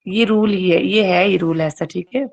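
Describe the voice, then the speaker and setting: A woman with a somewhat low voice teaching a grammar lesson online. She puts question after question to her students and waits for their answers. She paces the class with steady checks of "okay" and "right". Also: moderate pace, creaky, dull audio.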